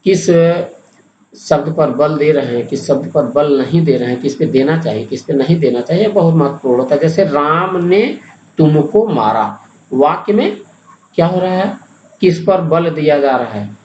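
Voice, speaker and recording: A man's voice: on the high side, normal speed, warm tone, slight background noise. A young man teaching a lesson on pronunciation, explaining point by point with spoken examples. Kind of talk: Hindi pronunciation lecture. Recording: echoey, dull lo-fi room sound.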